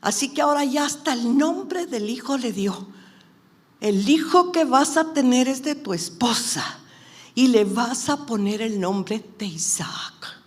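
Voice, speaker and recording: A woman preaches at an unhurried pace, letting her words land one at a time. She drops to a near whisper for the story, then climbs into loud, shouted declarations, with her own testimony woven in. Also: fairly high pitch, expressive. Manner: swings from hushed whispers to shouting; personal testimony. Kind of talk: sermon.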